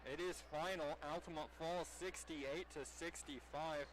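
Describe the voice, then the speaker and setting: A man hosting a local sports stream, asking postgame questions in a measured, unhurried way. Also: fairly high pitch, fairly even intonation. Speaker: local livestream announcer. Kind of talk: postgame interview. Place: high school gym after a game. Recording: noisy gym ambience.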